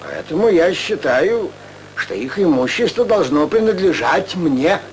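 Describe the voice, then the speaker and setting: Sly fawning village guy, kinda high and very lively, old comedy film. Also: unhurried. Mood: sly, self-important. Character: sly, fawning male villager claiming an inheritance. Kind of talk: theatrical comic film acting.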